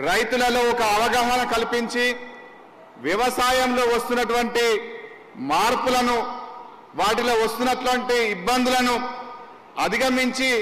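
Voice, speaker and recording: Bright-toned man in an echoey hall. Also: extremely high pitch. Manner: measured, explanatory, formal address. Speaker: official speaking at a farmers' event. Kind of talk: formal public address.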